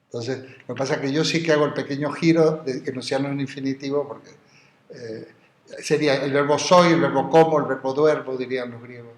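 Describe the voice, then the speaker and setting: A man's voice: medium pitch, fairly even intonation. Man lecturing in an echoey classroom. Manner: digressive, explains Greek terms slowly, spells words out. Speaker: philosophy lecturer. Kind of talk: university lecture. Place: university classroom.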